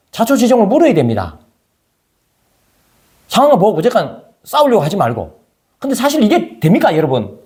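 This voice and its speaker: A man's voice: high voice, a little mellow. A male pastor preaching a conversational sermon, firing rhetorical questions at his congregation.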